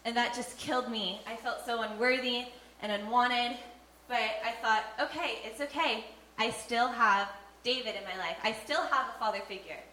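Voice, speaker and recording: A woman's voice: fairly high pitch, normal speed, sharp tone. A young woman giving an earnest, heartfelt personal faith testimony, with frequent fillers. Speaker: testimony speaker. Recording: echoey room with faint ambient noise.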